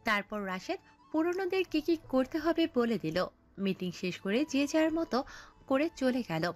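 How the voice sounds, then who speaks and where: A woman narrating a scripted audio story, telling it in an expressive storytelling manner. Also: high-pitched, unhurried, soft background music.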